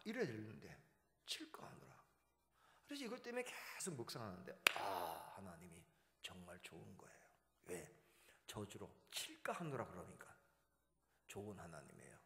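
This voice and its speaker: A man preaching a revival sermon as pastor, telling stories with lively, acted-out voices. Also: low voice, normal speed, long pauses. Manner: animated storytelling, acting out shouting teachers. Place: church sanctuary. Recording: church hall reverb.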